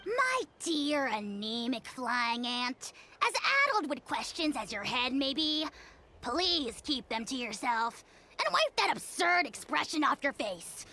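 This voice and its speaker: A woman's voice: high voice, very animated, unhurried, a little hiss or hum, exaggerated voice. A woman voicing a pompous tiny male dragon lord in a video game, grandiose and imperious with cackling laughs. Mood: condescending. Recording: game audio with loud music.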